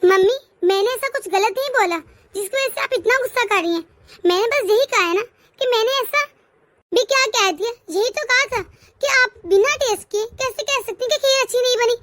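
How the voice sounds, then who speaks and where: A woman voicing a patient young working daughter-in-law in a cartoon, who answers back calmly. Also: very high-pitched, a little fast, no room sound. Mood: defensive. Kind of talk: cartoon voice acting.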